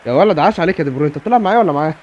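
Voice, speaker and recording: Egyptian guy yelling over his football game, fast, bounces up and down a lot. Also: on the high side, muffled recording, a little hiss or hum. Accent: Egyptian Arabic. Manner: excitable, repeats cheers and groans at the play. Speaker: gamer. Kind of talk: live gameplay commentary.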